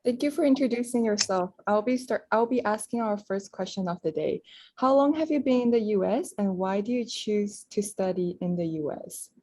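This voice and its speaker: A young woman from Malaysia co-hosts a casual student podcast. Her voice is mellow and soft-edged, at an ordinary pitch, and she chats in a friendly, easy way. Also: fairly quick, dry recording. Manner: friendly, frequent mm-hmm backchannels. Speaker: podcast co-host.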